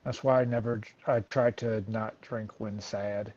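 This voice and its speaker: A man's voice: lowish voice, fairly even intonation, measured pace, darkish tone, dull audio. A man co-hosting a podcast in a laid-back, casual way. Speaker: podcast co-host. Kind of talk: casual chat.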